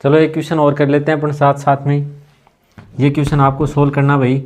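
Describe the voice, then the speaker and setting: A man's voice: a little high, completely flat delivery, darkish tone. A man teaching a maths class for a recruitment exam, walking through each step with questions to the students and checking again and again that they follow. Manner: repetitive, asks the class if they understood; slows down when dictating terms. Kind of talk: exam-prep maths lesson.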